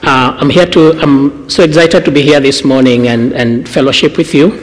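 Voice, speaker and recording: Kenyan pastor in a reverberant hall. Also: male voice, medium pitch, fairly even intonation. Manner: short phrases with pauses for translation, frequent "uh". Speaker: guest pastor. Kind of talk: church talk with interpreter. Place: church hall. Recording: long church hall reverb.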